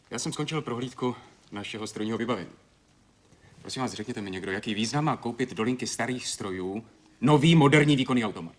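An actor playing a brisk, demanding male factory director who lectures his staff in a firm, persuasive way, in a 1980s TV series. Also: medium pitch, natural voice. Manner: lecturing, firm, argues with examples.

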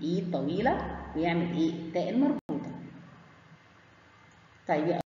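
A woman with an Egyptian Arabic accent teaching kindergarteners, drawing out each letter sound slowly and clearly. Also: lowish voice, big pitch swings, mellow, slight background noise. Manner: slow, drawn-out sounding of letters and syllables. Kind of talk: children's phonics lesson. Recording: echoey, muffled room from a distance.

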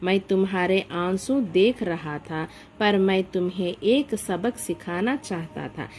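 A stern male employer who scolds and lectures his governess in a sharp, measured voice, as a woman teacher reads his lines. The pace is very slow and deliberate. The pitch sits at a middling level. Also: slight background noise, close to an everyday voice. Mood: lecturing.

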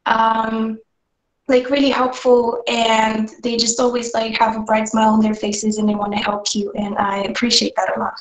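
A woman's voice: fairly high pitch, little pitch movement, moderate pace. A young woman from Romania, an exchange student, chatting on a video call from a small kitchen and telling her story with lots of fillers. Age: young adult. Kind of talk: casual video-call conversation. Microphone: video call webcam. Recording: echoey room on a webcam.

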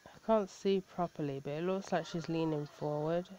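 A video reaction host with a deep, warm voice gives blunt, incredulous commentary at a moderate pace, swearing and laughing as she talks. The lo-fi recording sounds dull, with faint noise.

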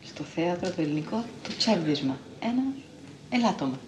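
A woman's voice: on the low side, lively intonation, noisy background. A female TV interviewer asking probing questions and pressing her guest for a straight answer. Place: television studio.

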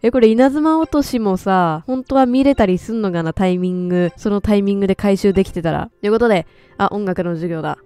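Excitable woman doing game commentary. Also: medium pitch, a little fast, few pauses, clean tone, faint music behind. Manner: excitable, loud, laughs often. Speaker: game streamer. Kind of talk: let's play commentary.

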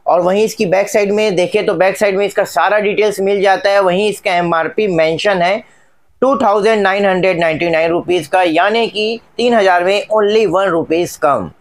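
A man narrating a casual product unboxing for viewers, chatty and repetitive, often pointing things out. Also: high-pitched. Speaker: tech reviewer.

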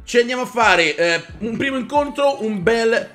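A young man with a high voice talks his viewers through a wrestling video game. He sounds hyped, curses freely and shouts whenever something big happens on screen. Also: moderate pace, faint music behind. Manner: energetic, swears and shouts at the game. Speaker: gaming YouTuber. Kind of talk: excited gameplay commentary.

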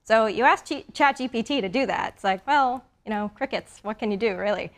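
A woman's voice: a little high, fairly quick. A woman in her thirties on a TV studio panel who talks in a conversational way and often checks in with "right?", on a lapel mic.

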